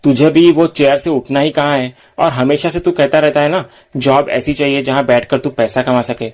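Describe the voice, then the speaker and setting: A man's voice: medium pitch, fairly even intonation, moderate pace, a little mellow, close to an everyday voice. A man reading the lines of a friendly young man who jokes casually with his pal.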